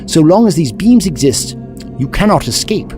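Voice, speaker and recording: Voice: medium pitch, sing-song, moderate pace, over music, natural voice. A performer in an audio drama playing the Doctor, an eccentric, kindly time traveller who explains things in a wordy, scholarly way. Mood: determined.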